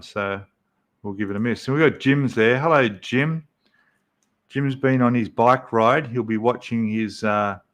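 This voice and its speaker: A man's voice: fairly low pitch, a bit bright. A man, hosting a casual livestream and chatting with viewers in a rambling way with many fillers. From Australia. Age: 50s. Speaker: livestream host.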